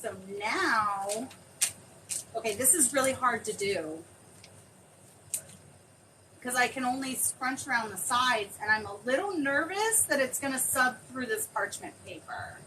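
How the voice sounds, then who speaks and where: A woman demonstrating a craft on a live stream, chatting excitably and thinking aloud as she works. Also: fairly high pitch, a little slow. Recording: distant mic with clear background noise.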